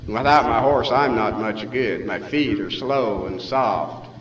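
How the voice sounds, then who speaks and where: Echoey cowboy poet, American West drawl. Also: male voice, mid-range voice, unhurried, highs cut off. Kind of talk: reciting rhymed cowboy poetry as live storytelling. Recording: echoey hall from far off, faint noise.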